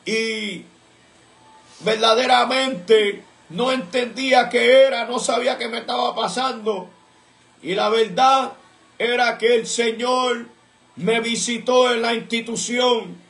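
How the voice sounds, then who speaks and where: A man's voice: extremely high pitch, fairly even intonation, takes it slowly, creaky, fairly bright tone, reverberant. A man giving an earnest religious testimony, telling his story with repeated recollections and bursts of praise. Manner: fervent, breaks into praise mid-story. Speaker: church member giving testimony.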